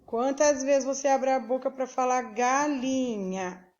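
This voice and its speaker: A woman's voice: sits high, fairly even intonation, a little mellow, lo-fi sound. A woman from Brazil teaching a recorded school lesson, spelling out words syllable by syllable and asking her pupils questions to check they follow. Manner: slow, spells out syllables one by one.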